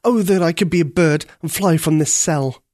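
A man's voice: on the high side, moderate pace, a little mellow, dry recording, studio quality, voice pushed up, natural voice. A man reading a storybook aloud, voicing a sorrowful, noble young prince who speaks plaintively and formally. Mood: amazed.

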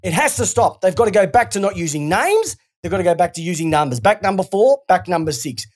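Woman, Australian accent, sports podcast co-host, very lively pitch, ranting, sweary, casual. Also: quick pace.

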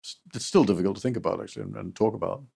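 Casting note: older man, gravelly, low-ish voice, brisk delivery. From United States. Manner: halting, with restarts and soft trailing endings. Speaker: interview guest. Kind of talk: reflective personal recollection.

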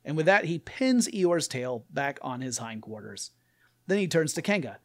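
A man narrates a comic parody tale in a wry, playful way. His voice swings up and down with lively expression and sits a little high for a man. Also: moderate pace. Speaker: storyteller.

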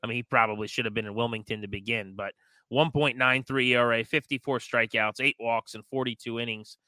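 A male sports show co-host offers conversational commentary in a bright, crisp, medium-pitched voice, captured dry on a close microphone with no room sound. He speaks a little fast with fairly even intonation, though the recording is rough.

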